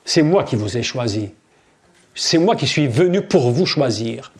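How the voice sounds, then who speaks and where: A preacher voicing Jesus, low and earnest. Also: male voice, expressive, measured pace, a little mellow. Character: Jesus speaking to his disciples, gentle authority.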